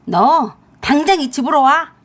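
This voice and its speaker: A woman doing a shrill, furious older mother-in-law. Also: animated, moderate pace, husky. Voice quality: shrill, shouting. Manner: coarse, scolding. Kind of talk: radio drama acting.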